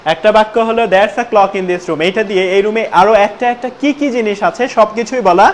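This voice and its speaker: A man teaching a spoken English class, prompting students again and again and slowing right down to model each sentence. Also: high-pitched. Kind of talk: classroom lesson with call-and-response drills. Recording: loud room noise and class chatter. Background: students answering in chorus.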